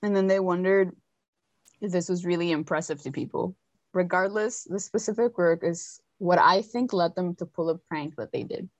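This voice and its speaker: A woman's voice: lowish voice, moderate pace, no echo. A young woman hosting a casual chat, telling a story with chatty asides. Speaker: podcast host telling a story.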